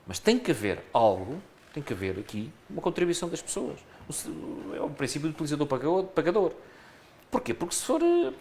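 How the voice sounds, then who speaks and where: A man's voice: a little high, a little mellow, a little hiss or hum. A man with a European Portuguese accent, a candidate in a local election, answering radio interview questions earnestly and often restarting his phrases.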